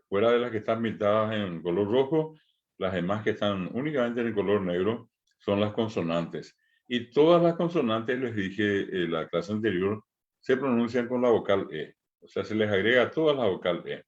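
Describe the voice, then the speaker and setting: A middle-aged man teaches a language class online, speaking in a fairly low voice. He explains patiently, stops to repeat each sound slowly, and fills the pauses with drawn-out hesitations. The audio is dull and lo-fi, like a streamed lesson. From Paraguay.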